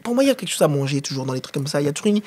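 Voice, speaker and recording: A man hosting a casual interview, talking in a quick joking way and tripping over his words. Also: a little high, big pitch swings, darkish tone. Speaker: interviewer host.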